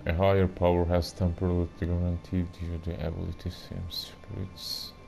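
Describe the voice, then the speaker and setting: A booming magically amplified god voice. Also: male voice, level tone, moderate pace, creaky, warm tone. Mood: solemn. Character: booming disembodied divine voice granting a power. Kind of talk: game voice acting. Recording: game audio with music behind.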